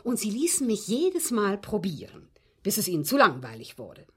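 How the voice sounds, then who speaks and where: A German radio play features an actress as a well-bred, mistreated woman confessing a poisoning to police officers. She speaks with deliberate emphasis in a breathy, husky, medium-pitched voice, making huge pitch swings in a full character voice, her mood bitter and precise.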